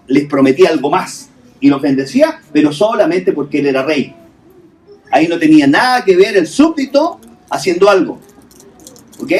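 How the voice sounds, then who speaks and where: A man's voice: on the high side, darkish tone, recorded from a distance. A male pastor preaching a sermon in a hotel hall, asking the congregation rhetorical questions and mixing English terms into his talk.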